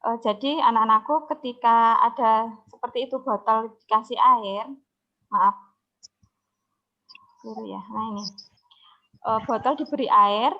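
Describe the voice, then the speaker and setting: A woman teacher with a fairly high voice walks students through an exam review online, step by step. She repeats key words and keeps checking that they follow. The sound is dull and lo-fi, like a video call. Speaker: science teacher.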